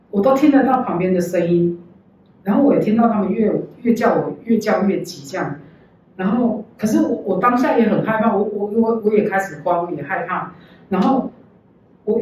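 A woman's voice: mid-range voice, warm tone, a little hiss or hum. A woman giving an earnest, emotional personal faith testimony at church. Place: church hall. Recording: very echoey hall, mic far off.

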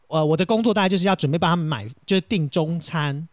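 A young man with a Taiwanese Mandarin accent telling a story in casual chat, animated and self-dramatizing, laughing as he goes. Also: on the high side, quick pace, no echo.

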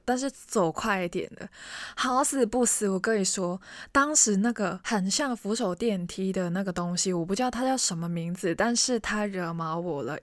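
A woman telling a story in a chatty, animated way and talking straight to the listener. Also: fairly low pitch, no room sound. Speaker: vlogger. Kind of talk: casual storytelling to camera.

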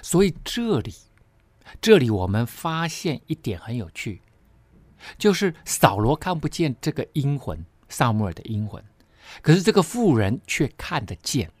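Dry-sounding teacher. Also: male voice, mid-range voice, sing-song, normal speed, slightly rough, no room sound. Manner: explanatory, with frequent tag particles and emphatic asides. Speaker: Bible teacher. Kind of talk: Bible study lesson.

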